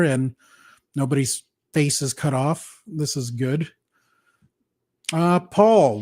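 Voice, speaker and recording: A man hosting a live review show, chatty and joking, laughing now and then. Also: a little high. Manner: chatty, laughs often, jokes. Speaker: podcast host. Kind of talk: casual livestream chat.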